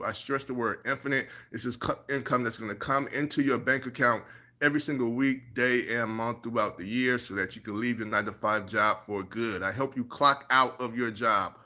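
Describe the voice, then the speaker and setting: A man's voice: mid-range voice, pushed and bright. A man coaching viewers in a casual live stream, encouraging and repetitive, often checking in with his audience. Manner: encouraging, repeats "all right" and "you guys". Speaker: passive income coach.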